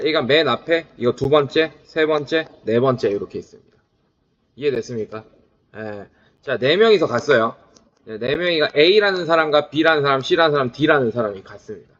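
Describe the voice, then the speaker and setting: A man teaching a high school math class, lecturing casually and often checking whether his students follow. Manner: animated, keeps checking in with students. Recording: dull lo-fi recording.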